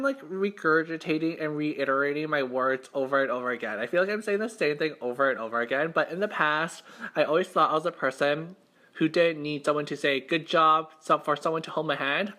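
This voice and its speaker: Higher-voiced young man chatting casually. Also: bright, forceful tone. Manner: conversational, repeats and rephrases himself, heavy use of "like". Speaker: mukbang vlogger. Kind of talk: casual storytime chat while eating.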